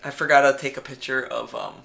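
A man's voice: medium pitch, wildly swooping pitch, quick pace, creaky, bright, forceful tone. A man co-hosting a casual comedy podcast, teasing his partner with short interjections. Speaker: podcast co-host.

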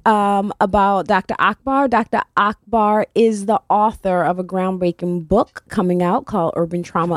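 A woman's voice: medium pitch, no echo, studio quality. A woman hosting a community radio morning talk show, chatty and loose, with many fillers and restarts. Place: radio studio.

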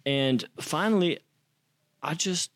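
A man's voice: fairly high pitch, slow pace. A young man casually telling a story as an interview guest, acting out quotes with slang and swearing.

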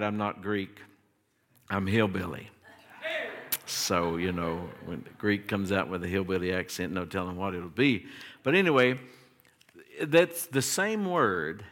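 Male preacher, Appalachian accent, unhurried delivery, emphatic stretched words, sermon teaching, long hall reverb. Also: fairly low pitch, fairly bright tone. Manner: deliberate, emphatic phrasing with stretched key words.

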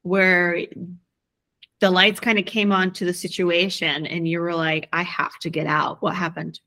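A woman's voice: on the low side, little pitch movement, measured pace, sharp tone. A woman hosting a casual interview, supportive and giving short replies. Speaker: interview host.

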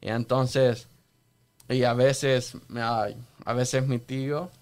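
A man from El Salvador telling his faith story on a church podcast, halting and earnest, full of restarts. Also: mid-range voice, fairly even intonation, smooth. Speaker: podcast guest sharing testimony. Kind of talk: casual church podcast talk.

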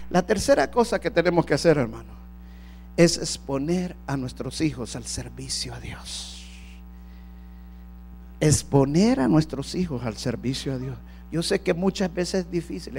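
A male pastor delivering an impassioned sermon that swings from hushed tones to shouting. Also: a little high, a little hiss or hum.

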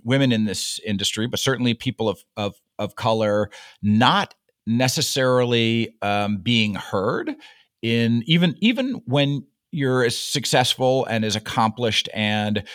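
A man's voice: lowish voice, a bit bright, smooth, no echo, studio quality. A man hosting a business podcast, reading a scripted intro and then chatting in a joking, self-deprecating way over a video call from an office. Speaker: podcast host and company founder. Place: office headquarters.

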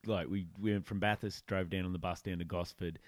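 Male host, Australian accent, low register, dry sound, informal and matey interviewing. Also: steady tone, fairly quick, no echo. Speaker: podcast host. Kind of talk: casual interview chat.

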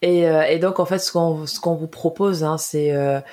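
A woman in her twenties from Cameroon, co-hosting a podcast in a chatty, halting way with many fillers. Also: low-pitched, steady tone, dark tone. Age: 20s. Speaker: podcast co-host. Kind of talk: casual podcast chat.

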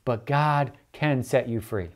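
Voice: medium pitch, slow. A church elder preaching earnestly and stressing key points by repeating them. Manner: earnest, emphatic repetition.

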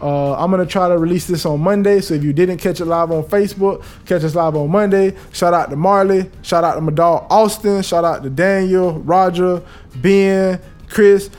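A man hosting a podcast, talking in a casual, profane and animated monologue. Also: high-pitched. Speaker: podcast host.

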